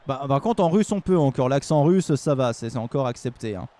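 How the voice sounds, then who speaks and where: A man commentating battles live on a stream, joking and rambling, with bursts of shouted hype. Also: medium pitch, expressive, brisk.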